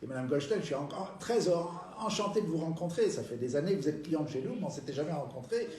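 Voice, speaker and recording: A man's voice: fairly high pitch, animated, fast talker, warm tone, a little hiss or hum, lightly acted. A man voicing a polite, flustered middle-aged banker who stammers and hesitates. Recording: roomy, from a distance.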